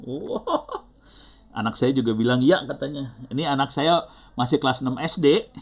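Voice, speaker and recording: Speaking briskly in a mid-range voice, a middle-aged Indonesian-accented man runs a live online teaching session. His tone is casual, and he apologizes frequently while working through his thoughts out loud.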